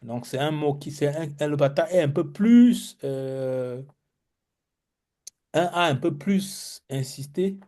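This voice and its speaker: Animated, mellow-voiced pastor teaching Hebrew. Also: male voice, a little high, slow. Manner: animated teacher, acts out examples, stammers on words. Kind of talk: classroom lesson.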